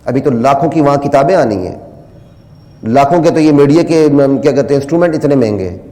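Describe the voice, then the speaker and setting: A man preaching a sermon, moving between quiet asides and loud, rising exhortation, and slowing down to recite Arabic verses. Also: medium pitch, long reverb tail. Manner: quotes Quranic Arabic slowly. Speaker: religious teacher.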